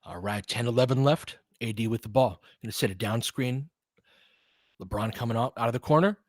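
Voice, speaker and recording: Calling a basketball game live, this male play-by-play commentator speaks in clipped bursts and adds fan-style casual remarks between plays. The medium-pitched voice is brisk, with studio quality and no echo.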